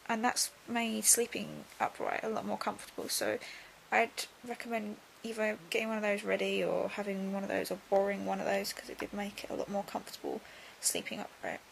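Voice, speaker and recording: A young woman talking casually in a video diary, subdued and drowsy as she recovers from surgery, her voice creaky and breaking into breath. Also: mid-range voice, level tone, brisk, few pauses, a little hiss or hum, low-quality recording. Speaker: vlogger.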